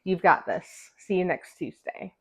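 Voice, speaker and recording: A woman's voice: on the low side, lively intonation, unhurried, vocal fry, slightly rough. A woman with a slight lisp from wearing a retainer, hosting an emphatic, scripted advice vlog for fellow musicians. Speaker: host, music teacher and musician. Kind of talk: scripted direct-to-camera vlog, encouraging advice.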